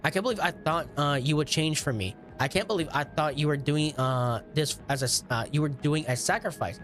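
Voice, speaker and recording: A man's voice: fairly high pitch, a little fast, fairly bright tone, close to an everyday voice. A man voicing a scornful female spirit who ends a romance, reading her lines in a bitter, accusing way, with faint music behind him.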